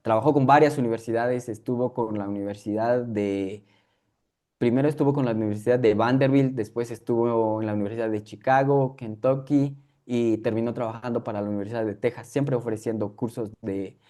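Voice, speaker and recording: This young man from Guatemala speaks Spanish shaped by his native K'iche', answering reflectively in an interview full of fillers and restarts. His medium-pitched voice is mellow and steady, moving a little fast.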